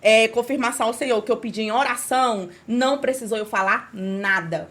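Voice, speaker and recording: A woman with a high voice tells a personal faith testimony as a podcast guest. She talks with animated storytelling and acts out the lines of the people in her story. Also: brisk.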